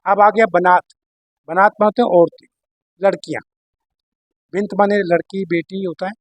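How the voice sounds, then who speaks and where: High-voiced man teaching grammar. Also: steady tone, moderate pace, no echo. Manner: patient, repeating each form with its meaning. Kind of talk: Arabic grammar lesson.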